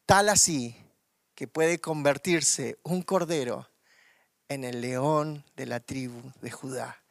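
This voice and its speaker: Fervent Rioplatense preacher, dry close voice. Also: male voice, mid-range voice, slow, gravelly, no room sound. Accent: Rioplatense Spanish. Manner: fervent, swings from loud to hushed. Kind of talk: online Easter sermon.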